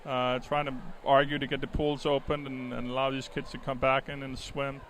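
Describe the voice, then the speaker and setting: At a swim meet, a middle-aged man from Denmark who speaks Danish natively gives live commentary at a moderate pace in a mid-range voice. He sounds conversational and explanatory with occasional hesitation. The audio is poor, with steady venue noise clearly audible.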